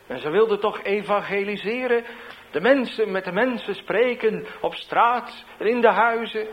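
A man, a street evangelist, tells a testimony in an animated storytelling way, swinging between loud bursts and hushed asides. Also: sits high, a little slow, lo-fi sound.

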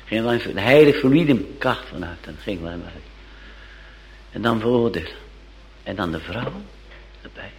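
Male preacher, sermon storytelling, slow and dramatic, gravelly, lively melody. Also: fairly low pitch, low-quality recording. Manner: dramatic storytelling, repeats phrases.

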